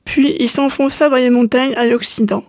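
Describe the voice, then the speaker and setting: Une femme qui lit un conte à voix haute, sans se presser, avec quelques hésitations et reprises. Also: female voice, sits high, steady tone, a little mellow. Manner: unhurried reading with small slips and restarts. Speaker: narrator. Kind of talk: reading a tale aloud.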